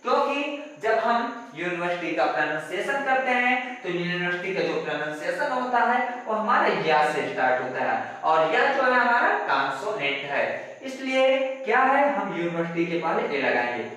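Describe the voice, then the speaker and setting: A man's voice: high voice, very animated, moderate pace, sharp tone. A man teaching a grammar lesson step by step, spelling words letter by letter and asking rhetorical questions. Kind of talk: classroom-style grammar lesson. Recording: very echoey room, voice from a distance.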